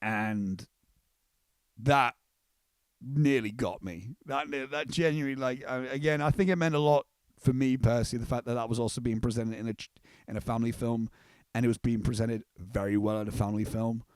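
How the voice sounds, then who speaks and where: A man's voice: mid-range voice, fast, a little mellow, clean tone. A young man talks through a film review in an earnest, rambling way, often stopping and restarting his sentences. His voice sits in an ordinary middle register. The sound is dry and close, with no room echo. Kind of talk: casual spoken movie review.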